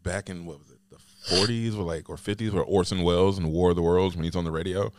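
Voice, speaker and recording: A man's voice: sits low, fairly even intonation, quick pace, background noise. A man hosting a podcast, chatting casually and rambling with lots of "like" fillers. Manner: rambling, heavy use of "like" fillers. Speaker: podcast host.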